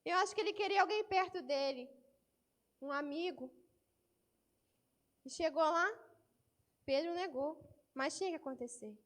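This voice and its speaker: A woman's voice: high voice, moderate pace, long pauses, a bit bright. A woman preacher giving a church sermon, acting out the dialogue of biblical scenes. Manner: acts out Bible dialogue in varied voices.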